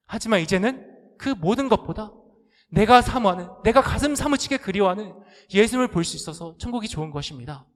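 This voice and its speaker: A male pastor delivers a sermon in a high voice, carried by the long reverb of a church sanctuary. He puts questions straight to the congregation and slips into pleading, aggrieved prayers to make his point. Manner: acts out complaining prayers with rising, pleading intensity; asks the congregation direct questions.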